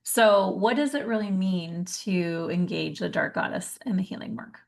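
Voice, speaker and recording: A woman's voice: on the low side, moderate pace, creaky. A woman hosting an interview, affirming her guest, her voice a little worn as she is losing it. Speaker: podcast host. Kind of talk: interview conversation.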